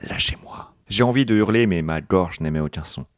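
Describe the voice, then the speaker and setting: A man's voice: deep voice, brisk, no room sound, clean studio sound. A man co-hosting a podcast, reading a novel aloud in a joking, mock-dramatic way with banter. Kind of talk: comic book reading with banter.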